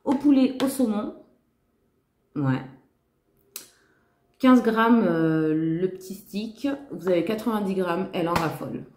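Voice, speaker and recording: A woman's voice: mid-range voice, takes it slowly, long pauses, a little mellow, slight background noise. A woman chatting in a casual shopping-haul vlog, gushing with enthusiasm and talking straight to her viewers. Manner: gushing, enthusiastic, repeats "trop" and "magnifique". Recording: echoey room.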